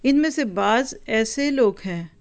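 A woman's voice: on the high side, expressive, unhurried. A woman giving a religious lesson. She reads from a book, explains its words and speaks straight to her listeners. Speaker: religious teacher. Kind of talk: teaching lecture reading and explaining a book.

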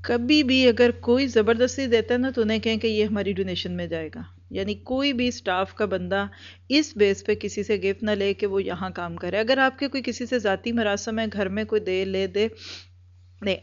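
A woman in an earnest instructional talk, training group leaders and driving points home with repeated everyday examples. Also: mid-range voice. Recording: dull lo-fi recording.

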